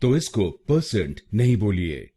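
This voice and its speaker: A man narrates a pronunciation lesson in a low, mellow voice with a slightly husky edge. He moves slowly and deliberately, and his pitch rises and falls a lot as he repeats each word to stress its syllables. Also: very animated. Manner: slow, repetitive, stressing syllables. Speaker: pronunciation teacher. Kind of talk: scripted tutorial narration.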